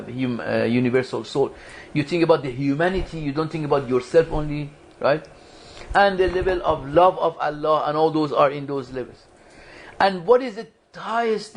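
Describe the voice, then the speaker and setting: Slight background noise and a rough recording surround a man whose voice is on the high side. Addressing a small group in a lecture room at a community foundation, he delivers a casual religious study talk, posing questions to the audience and restarting sentences often.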